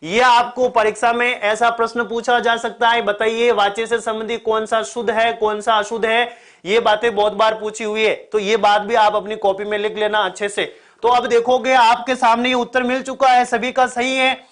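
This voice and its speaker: A man teaching an online exam-prep grammar lesson with a sore throat. He repeats the key points and keeps asking the class to answer quickly. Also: extremely high pitch, flat delivery, fairly bright tone.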